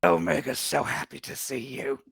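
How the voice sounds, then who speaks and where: Man doing a raspy grinning monster. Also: mid-range voice, lively intonation, moderate pace, fairly bright tone, no room sound, studio quality, exaggerated voice. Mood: smug menace. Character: gnarled grinning male monster, smug and menacing.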